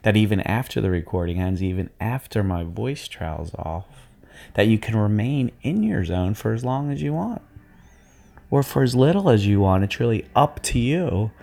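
Soothing, gravelly-voiced man guiding a visualization. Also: fairly low pitch, animated, darkish tone. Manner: slow, soothing, hypnotic delivery. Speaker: sports performance coach. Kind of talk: guided visualization script for athletes.

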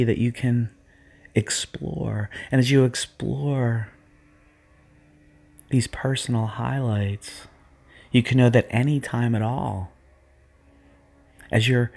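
His mid-range voice is creaky and slightly rough as he murmurs soothing, repetitive phrases. The speaker is a middle-aged man running a guided hypnotic visualization for athletes.

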